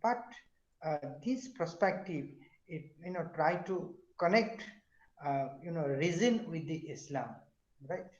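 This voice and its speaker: A man's voice: on the high side, animated, unhurried. A middle-aged man, a professor lecturing an online class and quizzing his students, with many fillers and restarts. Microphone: video call. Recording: echoey, dull online class audio.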